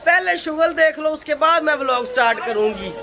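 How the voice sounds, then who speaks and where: A woman's voice: high-pitched, lively intonation, a little fast, a crowd in the background, background noise. A woman from Pakistan, chatting to camera in a casual family vlog, tired, laughing often and calling out to relatives. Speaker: family vlogger.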